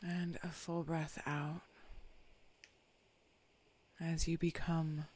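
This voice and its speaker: A meditation guide leading a guided meditation, often whispering soft, calm instructions. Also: medium pitch, very slow.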